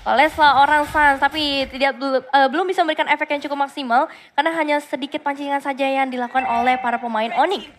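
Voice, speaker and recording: Fast-talking, high-voiced woman esports caster. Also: fairly even intonation, noisy background. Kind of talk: live game commentary.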